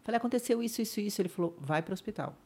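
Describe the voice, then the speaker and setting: A middle-aged woman with a Brazilian Portuguese accent, a podcast guest vividly retelling a personal ordeal, acting out what others said and dropping to a hush at the painful moments. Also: mid-range voice, expressive, rapid-fire, breathy edge. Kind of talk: emotional personal storytelling.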